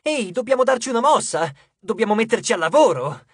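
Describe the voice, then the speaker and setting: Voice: mid-range voice, sing-song, moderate pace, husky, dry recording, studio quality. Narrator doing a brash, joking teenage boy. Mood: esuberante. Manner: loud, brash, forced cheer.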